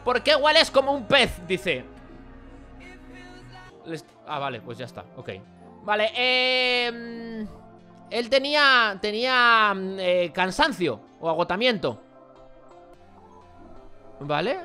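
A young man with a Spain Spanish accent gives casual reaction commentary as a YouTuber, jumping between loud exclamations and muttered asides. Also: high-pitched, expressive, takes it slowly, pauses often, faint music behind.

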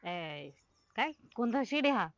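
A woman's voice: very animated, measured pace, dry recording, lo-fi sound. A man playing a chatty village aunt. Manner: chatty, rising to shrill alarm. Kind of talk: rural comedy sketch acting.

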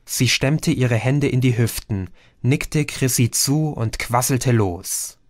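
A man reading an audiobook in measured, even storytelling. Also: medium pitch, no echo, studio quality. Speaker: audiobook narrator. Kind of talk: scripted narration.

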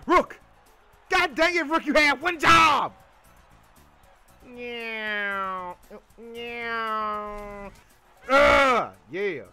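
A man giving casual, excited commentary while playing a video game, playful and silly, often bursting into yells. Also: very high voice, slow pace, faint music behind. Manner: playful silly sound-making and chanting.

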